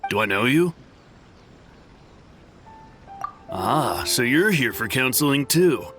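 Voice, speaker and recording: Snooty, bright-voiced devotee. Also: male voice, mid-range voice, big pitch swings, normal speed, faint music behind. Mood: haughty. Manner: haughty, gushing. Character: snooty, devoted male counseling client, easily offended. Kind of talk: video game character acting.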